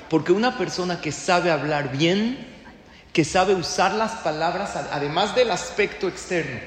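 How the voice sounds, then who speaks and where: A man giving a sermon as a rabbi, animated and joking, firing rhetorical questions at his audience. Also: a little high. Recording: echoey hall.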